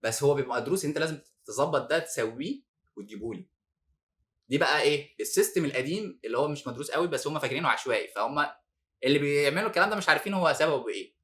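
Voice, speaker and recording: A man with an Egyptian accent, a former detainee telling his story as a podcast guest, animated and laughing now and then. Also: fairly high pitch, very fast. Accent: Egyptian Arabic. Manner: animated, laughs while recounting hardship.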